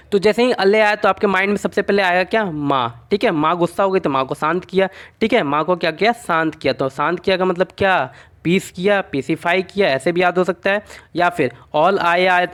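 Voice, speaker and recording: High-voiced man teaching word mnemonics. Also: moderate pace, a bit bright. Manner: repeats "okay" often, asks and answers his own questions; explains through short made-up stories. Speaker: exam-prep teacher. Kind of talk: casual mnemonic lesson.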